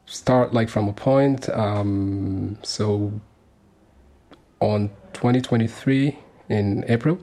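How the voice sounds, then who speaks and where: A man's voice: fairly low pitch, fairly even intonation, takes it slowly, dark tone. A man in his thirties from Sudan, speaking as a guest on a community radio interview, earnest and hesitant with many fillers and restarts. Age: 30s.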